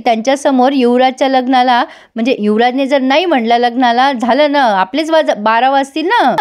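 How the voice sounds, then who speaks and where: High-voiced woman retelling a serial. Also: a little mellow. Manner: retells dialogue in character, addresses viewers directly. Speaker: serial recap narrator. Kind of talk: storytelling recap, voicing all characters.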